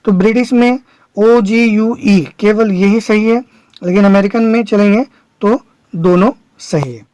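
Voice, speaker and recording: A man's voice: high-pitched, unhurried, a little mellow, no room sound, rough recording. Man teaching a spelling lesson, step by step. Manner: explains step by step, repeats examples, checks understanding. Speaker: English teacher. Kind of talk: exam-prep vocabulary lesson.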